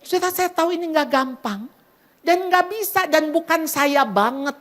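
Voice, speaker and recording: A middle-aged woman with a somewhat high voice preaches to a crowded church hall at a Christmas gathering. She is animated and speaks straight to the listeners as "saudara", mixing English phrases into her talk. She swings her voice wide as she acts out the thoughts and prayers she describes. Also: moderate pace. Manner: animated, dramatizes inner voices and prayers with big pitch swings. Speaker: women's ministry speaker. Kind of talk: sermon.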